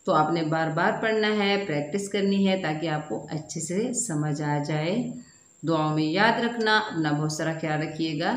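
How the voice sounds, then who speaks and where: A woman teaching children Quran recitation rules, asking questions and answering them herself, and drawing out syllables in slow drills. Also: low voice, roomy sound, slight background noise. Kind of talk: children's tajweed lesson.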